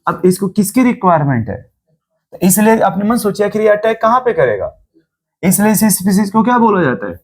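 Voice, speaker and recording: Male chemistry teacher asking questions. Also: sits high. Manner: asks the class constant rhetorical questions; mixes English terms into Hindi explanation. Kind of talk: classroom lecture.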